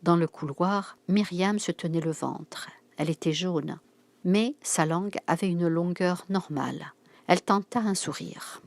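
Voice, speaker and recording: A woman reads a novel aloud in a steady, clear storytelling manner. Her voice sits on the low side for a woman, and the recording is close and dry with no room sound. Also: measured pace, no room sound. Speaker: narrator.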